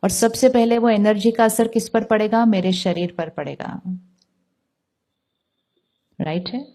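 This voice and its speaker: A woman giving a calm spiritual talk, putting questions to her listeners and answering them herself. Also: mid-range voice, a little slow. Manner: calm, asks the audience rhetorical questions. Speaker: spiritual teacher.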